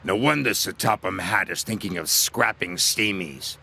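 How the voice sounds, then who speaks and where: A man voicing a boastful, mocking male diesel engine in a storybook reading, with soft music behind. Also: low-pitched, lively intonation, slow, creaky, slight background noise, pitched below the performer's own voice, exaggerated voice. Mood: sneering. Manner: mocking, scornful.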